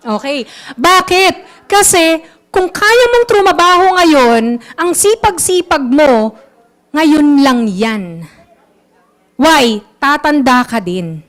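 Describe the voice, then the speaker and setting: A Filipino woman giving a lively motivational seminar talk, mixing in English and constantly asking the audience to agree. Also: high voice. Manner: lively, quizzes the audience with frequent tag questions; mixes English phrases into her talk. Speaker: network marketing trainer.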